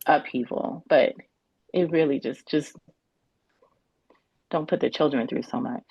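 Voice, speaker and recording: A woman testifying as a parent in a custody hearing over a video call, talking haltingly and restarting her sentences as she searches for words. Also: low voice, creaky, a little mellow, husky, dry recording. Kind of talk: court testimony. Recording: dull, dry video-call audio.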